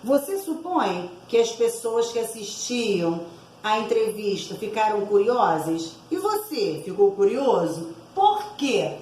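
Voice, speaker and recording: A woman's voice: medium pitch, big pitch swings, slow pace, mellow, roomy sound, slight background noise, poor audio. A woman teacher going through exercise answers aloud for her class, explaining each item and often checking in with her listeners. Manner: explanatory, frequent tag words asking for agreement.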